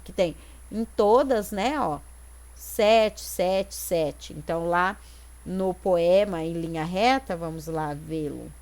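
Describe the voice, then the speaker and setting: A Brazilian woman teacher explaining exercises step by step in an online lesson, with frequent tag questions to check that her students follow. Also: medium pitch. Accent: Brazilian Portuguese. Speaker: Portuguese teacher.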